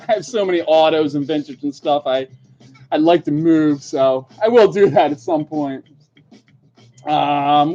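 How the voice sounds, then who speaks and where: A man's voice: high-pitched, a little mellow. A man hosting a livestream trivia show, chatting casually, laughing often and reading out viewers' comments. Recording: dull lo-fi stream audio with faint music.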